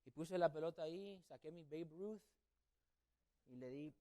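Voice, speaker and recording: A man's voice: a little high, unhurried, dark tone. A man preaching a sermon as a pastor, telling a story and acting out family members' voices. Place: church sanctuary.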